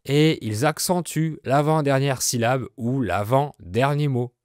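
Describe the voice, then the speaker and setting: A French man hosting a podcast lesson, explaining with slow, clear delivery. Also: mid-range voice, a little mellow, no room sound, studio quality. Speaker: French teacher, podcast host.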